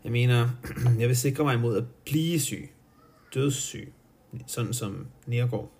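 A man's voice: mid-range voice, darkish tone, slightly rough. Man reading a cold, accusing young man.

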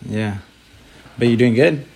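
A young man from Southern California co-hosts a loose, jokey podcast, cursing and laughing between lines. He talks at an unhurried, drawn-out pace over a faint hiss. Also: medium pitch, darkish tone. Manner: laughs often, joking and swearing. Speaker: podcast co-host. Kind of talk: casual podcast chat.

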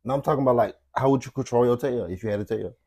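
A man's voice: mid-range voice, very fast, darkish tone, dry recording, clean studio sound. A man hosting a podcast in loose, profane, jokey slang banter. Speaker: podcast host. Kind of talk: casual chat.

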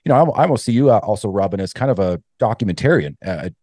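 Fast-talking deep-voiced male podcast host. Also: animated, a little mellow, no echo. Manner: long rambling questions, affirming. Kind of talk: casual interview.

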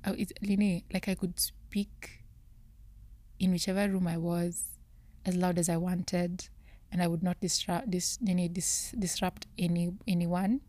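A woman talks through a Bible study as if thinking aloud, her voice pitched low and drifting into a near-whisper. She searches for words and corrects herself as she goes. The sound is dry and close, with no room around it. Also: steady tone, measured pace, dark tone, dry recording. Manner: low, half-whispered speaking; searching, self-correcting musing. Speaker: podcast host.

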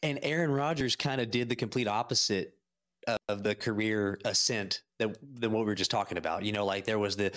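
Casual male podcast guest from Texas, low-pitched, rambles through fillers and restarts about hockey. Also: fairly quick, a bit bright. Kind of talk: casual sports chat.

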